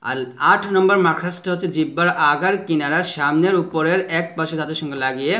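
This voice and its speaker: A man giving a patient pronunciation lesson for Quran recitation, modelling each letter sound slowly and having listeners repeat after him. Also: fairly high pitch, bright, forceful tone. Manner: slow drawn-out modelling of letter sounds with repetition drills; patient, repeats each point several times.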